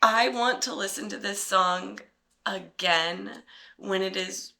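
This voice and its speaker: A woman in a casual reaction chat who talks in a rambling, animated way with many fillers. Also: medium pitch, slow, vocal fry.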